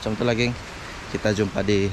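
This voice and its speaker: A man's voice: fairly low pitch, a little fast. A young man from Malaysia, chatting casually as he films himself fishing, often tagging "men" onto his phrases. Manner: relaxed, chatty, drops "men" after phrases. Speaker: fishing vlogger. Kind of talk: casual self-filmed commentary. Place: kayak on open sea, outdoors. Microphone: action camera on body. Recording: outdoor camera audio with clear wind and water noise. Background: wind and water.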